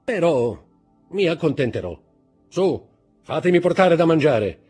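A man voicing a hungry, indignant middle-aged banker held prisoner, pompous and exasperated, in a husky voice. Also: fairly high pitch, big pitch swings, a little slow, a little mellow, faint music behind, pitched above the performer's own voice, exaggerated voice.

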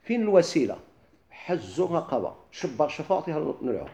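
A middle-aged man with a Moroccan accent, teaching a classroom lesson. He keeps asking his listeners quick questions and then answers them himself. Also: on the high side, big pitch swings, mellow, echoey room. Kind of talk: classroom lesson explaining legal theory.

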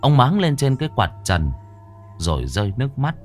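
A man narrating a ghost story in a dramatic, expressive way. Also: mid-range voice, normal speed, soft background music.

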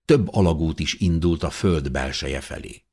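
A man reading a first-person story aloud in a calm, measured way. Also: rumbling low, husky. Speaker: audiobook narrator. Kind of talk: scripted first-person narration.

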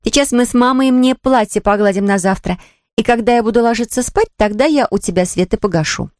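Storybook teen girl: sarcastic older sister, bright and high, put on by a woman. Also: a little fast, dry recording, studio quality, natural voice. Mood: mocking. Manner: mocking, sarcastic. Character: teasing older sister, sharp-tongued.

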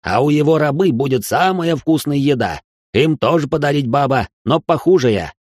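Guy putting on a jolly jungle translator, broken grammar, higher pitched, pretty loud, dry sound. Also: animated, moderate pace, no echo. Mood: eager.

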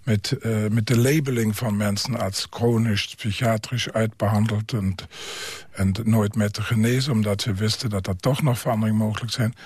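Older guy with roots, low-ish husky voice, hesitant, lots of pauses, dry studio. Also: steady tone, a little mellow, no echo. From Germany. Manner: hesitant, halting with many pauses and fillers. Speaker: psychiatric care worker and author. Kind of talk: radio interview.

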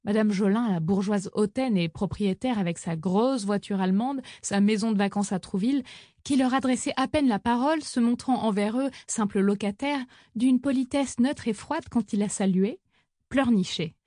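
A woman narrating an audiobook story in an even, measured reading on a close microphone. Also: medium pitch, no room sound.

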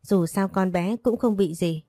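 A kind young man who talks gently and wants to help, as a woman narrator reads his lines. The voice is warm and mellow. The audiobook sound is dry and close. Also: medium pitch, a little slow, no room sound, lightly acted. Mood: gentle.

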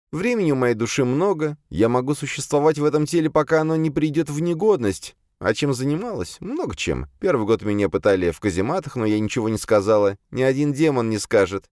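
A man's voice: a little high, darkish tone, dry recording, clean studio sound, pitched above the performer's own voice, natural voice. A man voicing a young female demon disguised as a servant, speaking meekly and deferentially in an audiobook. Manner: timid, deferential, pleading.

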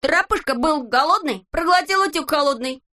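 A woman voicing a boastful, carefree little male character in a children's storybook, in a high childish voice that stays cheerful and unbothered. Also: expressive, a little fast, bright, forceful tone.

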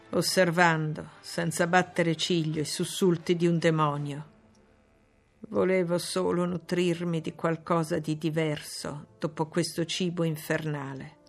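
Rochester, a bitter brooding master, read by a woman. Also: fairly low pitch. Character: grim bitter man, the master of the house.

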